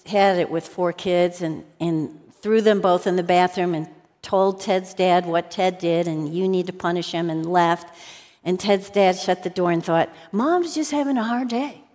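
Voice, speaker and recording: A woman's voice: fairly high pitch, a little mellow. A woman teaching a Bible lesson in a large hall, earnest and storytelling, sometimes acting out quotes. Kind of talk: sermon talk with personal stories. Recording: long hall reverb.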